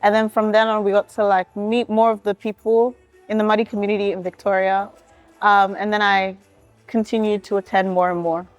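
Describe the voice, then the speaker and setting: A woman's voice: mid-range voice, little pitch movement, fairly quick, dry recording, soft background music. A young woman answering an interview in a chatty way, with many likes and ums. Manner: chatty, says like and um.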